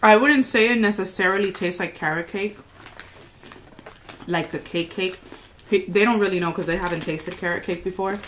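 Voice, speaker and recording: A woman's voice: mid-range voice, moderate pace, a bit bright, a little hiss or hum. A woman in her thirties chatting casually as a mother co-hosting a family taste test at home. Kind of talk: casual family vlog chat. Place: small room at home.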